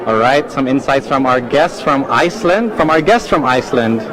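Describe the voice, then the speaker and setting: A man's voice: medium pitch, animated, moderate pace. A man interviewing guests live in gushing red carpet chatter, complimentary and echoing their answers. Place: outdoor red carpet event. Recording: noisy crowded outdoor event, traffic.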